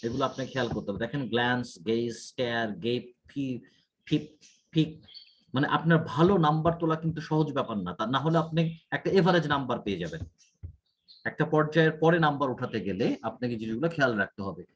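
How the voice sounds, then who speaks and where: Speaking at a racing pace with lively intonation, a man with a breathy, mid-range voice gives one-on-one IELTS feedback. He methodically corrects a student's mistakes point by point. The audio is dull.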